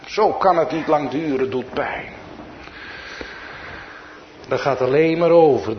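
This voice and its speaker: A man's voice: mid-range voice, lo-fi sound, a little hiss or hum. A man with a Dutch accent preaching a sermon as pastor, building to emphatic peaks.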